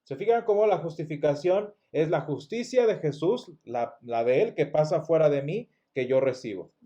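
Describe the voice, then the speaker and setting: A man gives a church Bible lesson in a mellow, slightly higher voice. He explains step by step, often restarts words and keeps putting rhetorical questions to his class. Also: lively intonation, normal speed, lo-fi sound. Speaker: Sunday school teacher.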